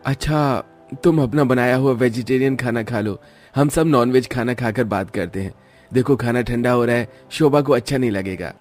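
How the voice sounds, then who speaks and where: A man voicing a relaxed young husband and brother-in-law in a cartoon story, casual and offhand. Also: medium pitch, moderate pace, lightly acted. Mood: dismissive.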